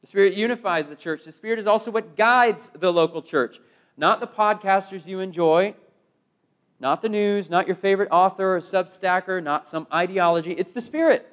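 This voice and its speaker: A middle-aged American man preaches a sermon in a high-pitched voice at a moderate pace. He is emphatic and leans on repeated phrases, swinging between loud proclamation and hushed delivery.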